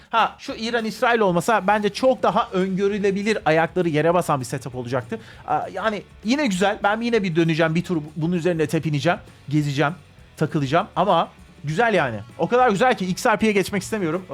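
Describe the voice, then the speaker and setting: A man's voice: high voice, fast, faint music behind. A man hosting crypto chart commentary in a casual, chatty way, repeating himself and stopping to reword. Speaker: crypto analysis host.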